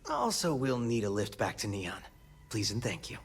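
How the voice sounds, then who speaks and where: An actor playing an anxious, wordy, wry space operative in a video game, with a raspy voice. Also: male voice, lowish voice, wildly swooping pitch, normal speed, exaggerated voice. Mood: wry, defensive. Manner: fretful, wordy, sardonic. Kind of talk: video game character dialogue.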